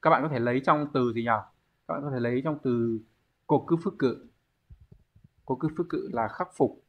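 Speaking at a moderate pace with a medium-pitched voice, a man runs a language exam review, working through each step and frequently checking in with the class. The audio is narrow and tinny.

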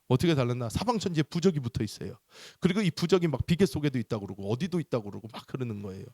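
A middle-aged male pastor giving a sermon in an animated storytelling manner. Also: mid-range voice, very fast, dry recording, clean studio sound. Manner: animated storytelling, acts out voices.

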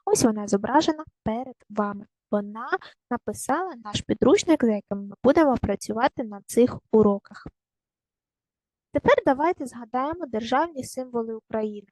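A woman teaching a recorded primary school lesson, giving clear, patient step-by-step instructions to young children. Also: fairly high pitch, expressive, normal speed, a little mellow, dry recording, poor audio.

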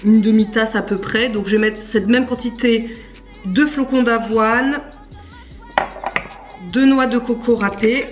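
A woman's voice: fairly high pitch, steady tone, measured pace, long pauses, faint music behind. Chatty woman cooking in an echoey kitchen. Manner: chatty, explaining step by step with many fillers. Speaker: cooking vlogger. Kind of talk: casual cooking demonstration. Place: home kitchen, indoors. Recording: echoey kitchen with faint noise.

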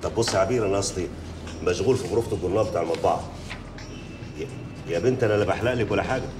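A man playing a brisk low-voiced Egyptian editor. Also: background noise, lightly acted. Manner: brisk, bossy, gives orders. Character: hurried male newspaper boss, commanding. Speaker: newspaper editor. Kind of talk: TV drama acting.

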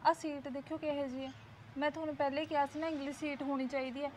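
ਇੱਕ ਔਰਤ ਪੰਜਾਬੀ ਲਘੂ ਫ਼ਿਲਮ ਵਿੱਚ ਜ਼ਿੱਦੀ, ਸ਼ਹਿਰੀ ਨੂੰਹ ਦਾ ਕਿਰਦਾਰ ਨਿਭਾ ਰਹੀ ਹੈ, ਜੋ ਜ਼ੋਰ ਦੇ ਕੇ ਸ਼ਿਕਾਇਤਾਂ ਕਰਦੀ ਹੈ।. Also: female voice, sits high, level tone, fast talker, a little mellow, slight background noise, natural voice. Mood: complaining. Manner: insistent, complaining, argumentative. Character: young city-bred woman, stubborn and demanding. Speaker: new daughter-in-law. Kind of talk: Punjabi short film acting.

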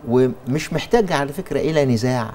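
Egyptian man, sheikh, very fast talk, animated, emphatic, studio talk show. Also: mid-range voice, slight background noise. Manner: animated, emphatic, with frequent restarts. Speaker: sheikh answering religious questions.

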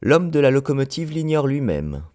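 A man's voice: medium pitch, very animated, moderate pace, darkish tone, voice pushed up, close to an everyday voice. Weary switchman, matter-of-fact and emphatic, played by a man, storybook reading. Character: brisk weary male railway switchman.

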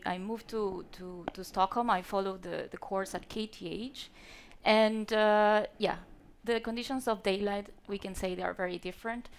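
A woman's voice: mid-range voice, clear, resonant tone. A woman from Venezuela giving a conference talk on lighting design, speaking hesitantly with many fillers and restarts. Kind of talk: conference presentation. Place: stage at a lighting industry event. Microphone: handheld mic.

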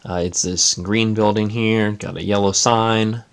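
Man, low-pitched, gravelly, relaxed show-and-tell, lots of fillers, indoors behind camera. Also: measured pace. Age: adult parent. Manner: relaxed, many "uh" fillers, listing items. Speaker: Lego builder showing his model. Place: indoors at a table.

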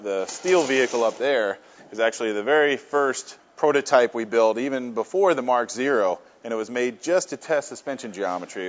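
A company tour guide leads a casual walk through the workshop and offices indoors, speaking in a mid-range voice. He's friendly and plain-spoken, with frequent fillers. The recording sounds muffled.

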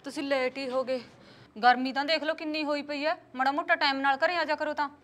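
A woman's voice: high voice, fairly even intonation, brisk. An actress playing a caring village mother who pleads for her daughter, speaking in a Punjabi accent. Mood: coaxing. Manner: pleading, gently persistent. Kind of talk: village drama acting.

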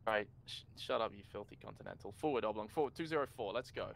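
A man commanding a vehicle crew in brisk, sweary bursts during a team game chat over a headset. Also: fairly low pitch, creaky, fairly bright tone, slight background noise. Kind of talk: gameplay team radio chat.

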